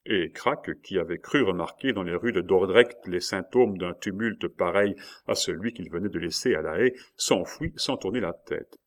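A man reading a classic novel aloud as expressive audiobook narration. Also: low voice. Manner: measured, expressive storytelling. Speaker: audiobook reader.

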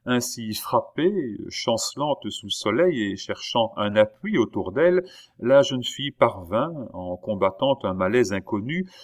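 A man narrating a classic novel aloud in a measured way, with the odd hesitation. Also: medium pitch, big pitch swings. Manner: measured reading with occasional hesitations. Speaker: audiobook narrator. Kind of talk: literary audiobook narration.

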